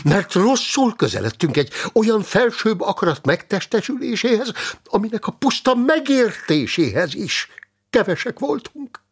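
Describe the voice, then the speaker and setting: A man acting out an excited Benedictine monk for an audiobook, high and fervent. His voice climbs and swoops as he preaches. It has a gravelly, husky edge. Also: heavily acted. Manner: high, fervent, later whispering.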